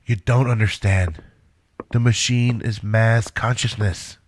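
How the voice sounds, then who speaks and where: Voicing a reluctant inventor named Einstein in an audio drama, a man speaks slowly in a steady, somewhat low voice, indignantly defending the work he loves. Slight background noise can be heard.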